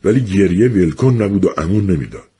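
Brief: male storyteller, husky and expressive, swings widely in pitch and acts out the voices. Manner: lively, acts out the voices of others. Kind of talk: storytelling narration.

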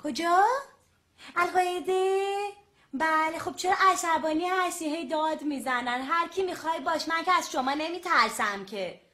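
A woman's voice: very high-pitched, sharp tone. A woman presenting on the radio, making comic phone calls, polite, chatty and always apologizing.

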